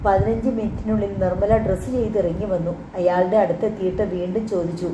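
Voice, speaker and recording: A woman narrating a novel as an audiobook reader, in calm, measured storytelling. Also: mid-range voice, noisy background. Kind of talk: scripted narration. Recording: roomy, slightly dull recording.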